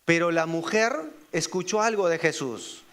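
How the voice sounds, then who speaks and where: A man's voice: normal speed, clean tone. A man preaching a sermon as pastor, asking the congregation rhetorical questions and acting out the voices he quotes. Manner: acts out quoted voices with sharp pitch jumps.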